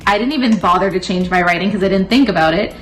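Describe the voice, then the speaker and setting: Young woman, mid-pitched, chatty storyteller. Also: fast, soft background music. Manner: informal storytelling with acted-out quotes. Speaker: co-host of a mukbang Q and A. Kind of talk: casual chat while eating.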